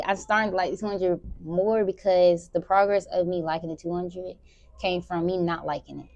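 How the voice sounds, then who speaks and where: A teenage girl, a high school sprinter answering interview questions in a relaxed, rambling way. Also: no echo, lo-fi sound. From Memphis, Tennessee. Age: teens. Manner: relaxed, rambling, many "like" fillers.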